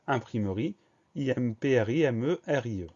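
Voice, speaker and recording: A man walks through a dictation lesson at a patient, methodical pace, spelling words out letter by letter. His voice sits at an ordinary middle pitch. The recording is a bit dull and lo-fi. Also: expressive, moderate pace, a little mellow, breathy edge. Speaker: French teacher.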